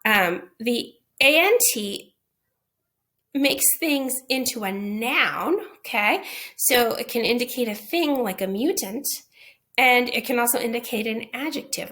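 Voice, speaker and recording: A woman's voice: on the high side, animated, measured pace, pushed and bright. A woman answering teachers' questions in a recorded phonics lesson, explaining patiently and checking in with "okay?" and "right?".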